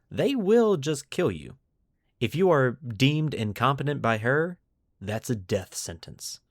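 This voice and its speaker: A podcast host mixes scripted lore narration with casual commentary, putting dramatic emphasis on key words. His mid-range voice is recorded with clean studio sound and no room sound.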